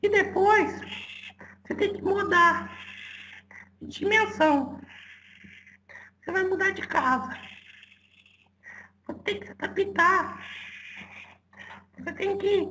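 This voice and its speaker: A woman voicing Mirim, a small spirit guide who speaks through a medium in a slow whisper and keeps calling the listener "moço.". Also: very high-pitched, pushed and bright, a little hiss or hum, heavily acted, poor audio. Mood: whispery earnest. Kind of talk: channeled spirit talk.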